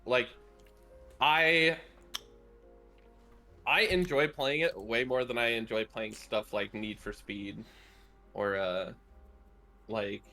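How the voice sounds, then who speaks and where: A man chats casually on a podcast in a creaky voice with a bright, forward edge. He giggles often and rambles, restarting his sentences as he goes. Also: mid-range voice, steady tone, slow pace, long pauses, soft background music. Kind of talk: casual chat.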